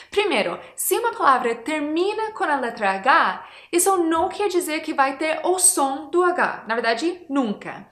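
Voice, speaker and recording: Female pronunciation teacher, high voice, casual lesson tone, echoey room. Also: fairly bright tone. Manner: light laughing, slow modelled example words.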